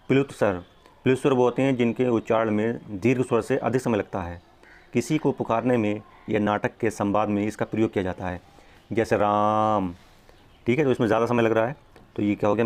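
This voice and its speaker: A man's voice: medium pitch, darkish tone. A man teaching an exam-prep grammar lesson, explaining step by step, drawing out the sounds he demonstrates and checking in often.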